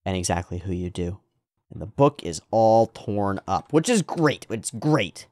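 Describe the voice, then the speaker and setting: A man with a fairly deep voice delivers casual commentary as a reaction host. He talks in an animated, sweary way and repeats phrases for emphasis. The sound is dry, with little room echo. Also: a little slow. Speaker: host of an anime reaction show.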